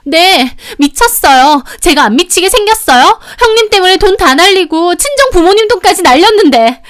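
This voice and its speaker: A woman voicing a furious young sister-in-law who yells through tears in a Korean family story narration. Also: very high voice, very animated, normal speed, voice pushed up, exaggerated voice. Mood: shrieking, tearful. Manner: shrieking, tearful yelling.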